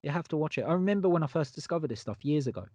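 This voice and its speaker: A man's voice: a little high, animated, rapid-fire, warm tone, no echo. A man co-hosting a horror podcast in casual chat, enthusiastic and emphatic, often repeating himself. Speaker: podcast co-host.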